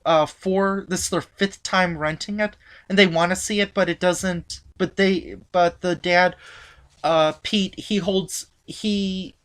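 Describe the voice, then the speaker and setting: A woman with a slightly low voice hosts a casual review chat about a TV episode. She recaps the plot in halting bits, often restarting her sentences. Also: fairly even intonation. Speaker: podcast host.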